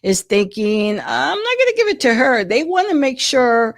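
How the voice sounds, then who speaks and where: A woman's voice: on the high side, sing-song, moderate pace, dry recording. Woman, 60s, co-host, chatty and rambling, dry close sound. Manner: chatty, rambling with restarts and laughs. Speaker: co-host, insurance agent. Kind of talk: casual chat.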